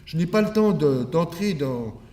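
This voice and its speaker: Delivering an academic conference lecture, this man from Switzerland is animated and unhurried, his fairly high voice a little mellow. As a keynote speaker he is didactic and emphatic, with rhetorical asides, and the sound is echoey and distant-miked.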